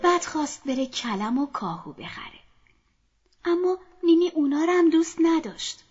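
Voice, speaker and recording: A woman narrating a children's story in a soft, often half-whispered voice, speaking to children, in a dull lo-fi recording. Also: high-pitched, sing-song, faint music behind.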